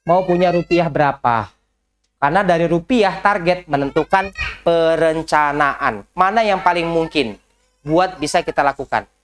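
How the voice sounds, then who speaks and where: With a voice on the high side and a moderate pace, a man leads an indoor motivational business coaching session in a house, with slight background noise. Lively and direct, he poses rhetorical questions to the group and mixes in English business phrases.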